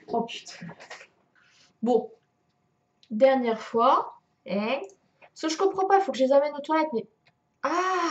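A woman's voice: sits high, dull audio. A young woman playing a game and commenting on it, swearing often and mocking herself. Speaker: gaming youtuber. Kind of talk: let's play commentary.

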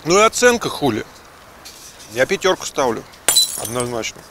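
A man's voice: medium pitch, big pitch swings, moderate pace, noisy background. Blunt, swearing man in a park. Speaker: beer reviewer. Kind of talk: casual tasting chat. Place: outdoors in a city park.

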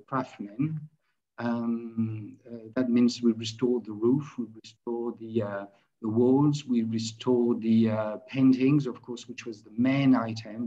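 A man in his fifties with a French accent gives an explanatory webinar talk, repeating words for emphasis. His pitch is average, and the video call sound is a little dull. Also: darkish tone. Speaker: webinar presenter. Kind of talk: informal presentation and answers. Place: plain room indoors. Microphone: laptop mic on a video call.

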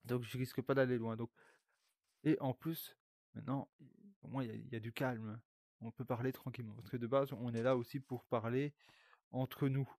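A man's voice: mid-range voice, level tone, moderate pace, a little mellow, dry recording. Streamer, young man, loose rambling VR gameplay chatter, swears a lot. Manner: rambling, swears often, talks to viewers. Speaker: streamer playing a VR game. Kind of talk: casual gaming commentary.

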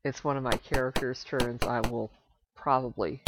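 A woman hosting a let's play of an old computer game, relaxed and thinking aloud as she reads the game's text. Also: very deep voice, normal speed, very noisy. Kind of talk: casual game commentary. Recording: slightly dull lo-fi desktop recording.

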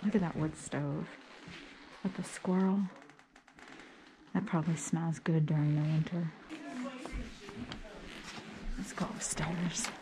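In a casual walk-through vlog filmed on a body-worn action camera, a woman who resells vintage paper explores an old house at an auction. She's chatty, gushing with exclamations and occasionally whispering as she reads. Her deep, warm voice is steady and slow with frequent pauses, and the rough recording has a little hiss or hum.

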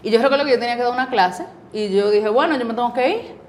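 Speaking fast in a fairly high voice, a Dominican-accented woman in her forties shares her story as a guest in a casual interview. A cancer survivor, she narrates with energy and performs the voices of those she quotes. A little hiss or hum is audible.

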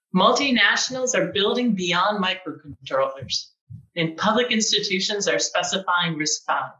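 Woman, 40s, scripted keynote, bright forceful tone, roomy and distant, dull lo-fi sound. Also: mid-range voice. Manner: upbeat, measured, gesturing with her hands. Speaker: chief executive giving a keynote. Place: sunlit living room at home, indoors.

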